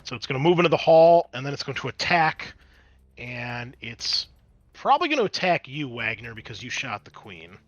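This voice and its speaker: A man running a tabletop roleplaying game as game master talks casually at moderate pace in a sing-song, mid-range voice with no room sound. He swears offhandedly and mutters asides while working the game software, with music playing behind him.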